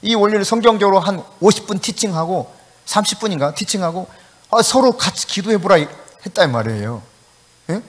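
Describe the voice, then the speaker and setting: A male pastor preaching a sermon, telling a story with acted-out dialogue and sudden shouted commands. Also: high-pitched, big-room sound. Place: church sanctuary.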